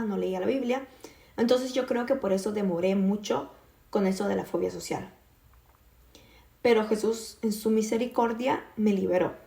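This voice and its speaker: A woman in her twenties from Puerto Rico tells her personal faith testimony earnestly but haltingly, using many fillers. Her voice is a little high with a dark tone, and the room is echoey.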